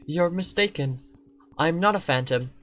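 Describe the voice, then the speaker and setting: A streamer voicing a self-righteous purifier in a game, speaking in an earnest, measured way. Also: mid-range voice, fairly bright tone, faint music behind, close to an everyday voice.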